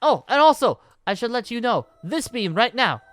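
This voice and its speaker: In a full character voice pitched extremely high, sing-song and fairly bright, a man plays a bragging, good-humored ancient dragon slayer wizard at a moderate pace. The improvised Minecraft roleplay is theatrical and grandly formal, playful, with chuckling throughout. Background music sits beneath him.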